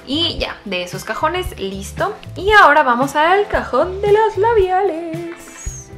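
A woman's voice: very high voice, animated, slow pace, a bit bright, faint music behind. A young woman in her twenties chatting casually to camera as a beauty vlogger, gushing about her picks with many fillers and restarts. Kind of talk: casual makeup chat to camera.

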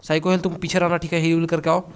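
Young guy yelling jokes over a shooter match, kinda high voice, bit of hiss behind. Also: rapid-fire. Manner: excitable, crude joking banter. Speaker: gaming commentator. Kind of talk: comedic gameplay voice-over.

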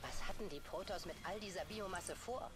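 A woman's voice: lowish voice, fairly quick, a crowd in the background, lightly acted. A woman playing a commanding, vengeful insect hive queen in a game, speaking in terse, menacing orders.

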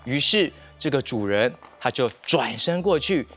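A man with a Taiwanese Mandarin accent presenting and telling stories to children in an expressive, explanatory way. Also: mid-range voice, unhurried, soft background music. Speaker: children's show presenter and storyteller. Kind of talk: animated storytelling for children. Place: TV studio with painted forest set.

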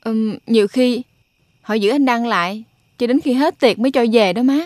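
An actress playing a dutiful young wife with a Southern Vietnamese accent, speaking in a soft, coaxing way. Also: female voice, a little high, moderate pace, no echo, studio quality, lightly acted. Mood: soothing.

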